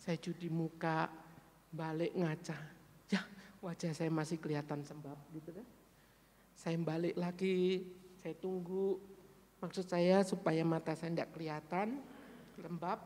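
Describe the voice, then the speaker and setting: A male pastor with an East Javanese accent preaching a sermon, telling a personal story, swinging from hushed to animated. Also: a little high, a little slow, pauses often. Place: church. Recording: echoey church hall.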